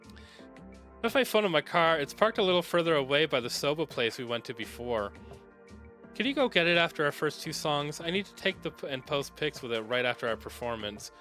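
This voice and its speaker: A man voicing a manipulative young male guitarist who talks in a low, soothing, controlling way. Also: lively intonation, fairly quick, bright, forceful tone, soft background music. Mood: coaxing.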